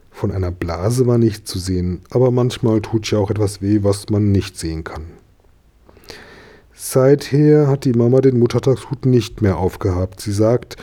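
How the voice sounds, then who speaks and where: Dark, husky male storyteller. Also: lowish voice. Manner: calm, measured storytelling. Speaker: reader. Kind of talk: reading a children's story aloud.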